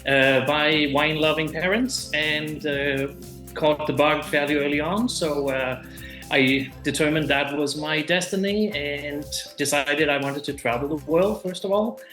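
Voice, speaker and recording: Relaxed Danish-accented man, echoey. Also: a little high, a little slow, faint music behind. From Denmark. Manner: relaxed, hesitant with many uh fillers. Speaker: winemaker guest. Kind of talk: casual interview chat.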